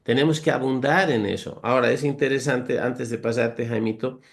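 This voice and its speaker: A gravelly-voiced man of ordinary pitch talks through Bible verses at a moderate pace, reading each aloud and earnestly explaining it. He lists the virtues one by one, draws homely, humorous comparisons, and addresses his audience as brothers in a conversational style.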